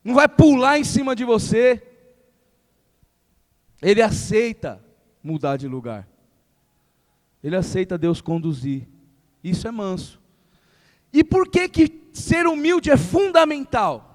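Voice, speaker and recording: A male pastor, preaching a lively sermon that acts out everyday speech and builds to emphatic questions. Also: high voice, unhurried, long pauses. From Brazil. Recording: long hall reverb.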